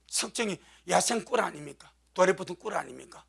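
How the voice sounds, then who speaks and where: Male pastor, fervent emphatic preacher with a high, bright, gravelly voice. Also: expressive, a little fast. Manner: fervent, emphatic preaching with frequent amen calls. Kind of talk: sermon.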